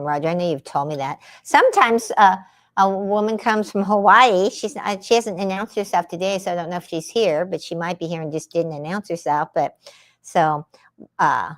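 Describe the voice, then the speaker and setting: A woman from the San Francisco Bay Area, with a lowish voice at normal speed, livestreams as a spiritual artist while painting in her home art studio under daylight lamps. She chats casually with viewers, meandering between her painting and answering comments.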